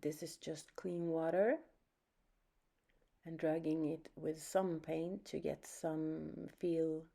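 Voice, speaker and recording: In a low, gravelly voice, a Swedish woman teaches watercolor painting without a script, speaking English with her native accent. She's an art teacher from Sweden who speaks softly and thinks aloud, using fillers along the way.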